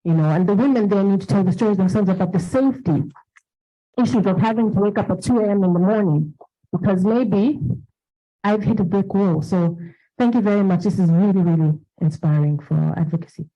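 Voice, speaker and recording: A woman's voice: mid-range voice, a little fast, dull audio. A woman from Zambia, an advocate speaking earnestly from the floor at a panel. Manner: earnest, with fillers and repeated words. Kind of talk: impassioned comment at a panel.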